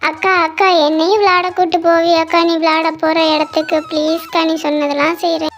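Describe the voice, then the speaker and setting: Sweet, pleading little sister, very high child voice, acted by a woman for a cartoon story. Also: level tone, fairly quick, soft background music. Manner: pleading, tearful. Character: young girl, pleading gentle little sister.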